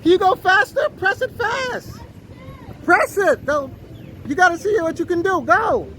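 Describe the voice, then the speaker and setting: A woman's voice: extremely high pitch, animated, a little slow, a bit bright, slight background noise. A woman coaching casually as an informal driving instructor, giving short, urgent, repeated commands outdoors. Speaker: informal driving coach filming a learner's lesson.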